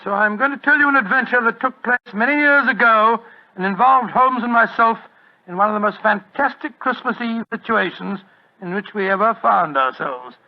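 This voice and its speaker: Doctor Watson, high-voiced bluff English doctor. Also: male voice, normal speed. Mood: jovial. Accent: British. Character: genial, bluff older English doctor, loyal sidekick. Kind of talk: 1940s radio acting. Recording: muffled old radio broadcast.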